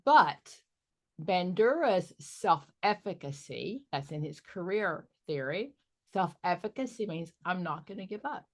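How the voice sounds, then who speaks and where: A woman's voice: fairly low pitch, expressive, measured pace. A middle-aged woman coaching an exam prep group, candid and joking with sassy asides. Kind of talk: live online study group.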